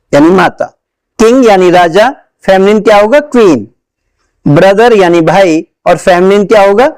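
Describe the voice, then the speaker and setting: A man's voice: sits high, darkish tone, dry recording, low-quality recording. A man teaching an English grammar lesson, patiently asking questions and then answering them himself. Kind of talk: classroom lesson explanation.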